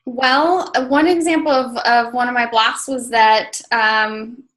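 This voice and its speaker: Speaking slowly with a steady tone, her high-leaning voice is fairly bright. She's a Mexican coach and mentor, a native Spanish speaker, chatting as an interview guest and filling her speech with "like" and "you know."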